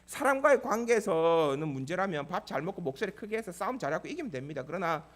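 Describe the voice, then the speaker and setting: A male pastor preaching a sermon, animated, asking the congregation rhetorical questions. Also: high-pitched, quick pace.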